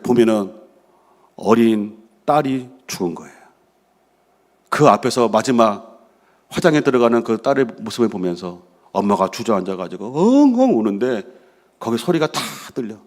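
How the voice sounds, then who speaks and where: Middle-aged male senior pastor, slightly low voice, sermon delivery with call-and-response questions to the congregation. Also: moderate pace. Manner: engages the congregation with frequent questions and affirming "yes"; reads scripture aloud, then expounds with personal stories.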